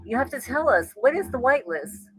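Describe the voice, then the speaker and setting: A woman with a New Jersey accent hosts a casual livestream, reading viewer comments and answering them as she goes. Her voice sits high and is very animated, with a breathy edge and a moderate pace. She chats and thinks aloud, often restarting and laughing, on a low-quality recording with no echo.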